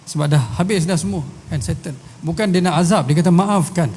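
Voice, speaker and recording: Male Malaysian preacher, slightly high mellow voice, storytelling lecture in an echoing mosque hall. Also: brisk, a little hiss or hum. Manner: storytelling, quotes Arabic verses and asks rhetorical questions. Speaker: religious teacher. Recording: long hall reverb.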